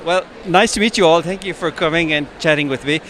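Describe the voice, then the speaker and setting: A man's voice: on the high side, fairly quick, fairly bright tone, a little hiss or hum. A man hosting a podcast interview at an exhibition stand, chatting and asking short prompting questions. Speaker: podcast host. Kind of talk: casual interview. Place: busy exhibition hall stand.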